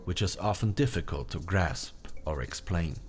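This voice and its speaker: Guy doing documentary voice-over, lowish voice, measured and reflective, music behind. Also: lively intonation. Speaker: documentary narrator. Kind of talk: scripted narration.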